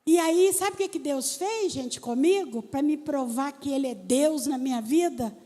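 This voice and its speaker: High-voiced woman pastor preaching in a hall. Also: moderate pace. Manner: animated storytelling preacher, talks to the congregation directly. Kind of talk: sermon. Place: church hall. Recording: church hall with long reverb.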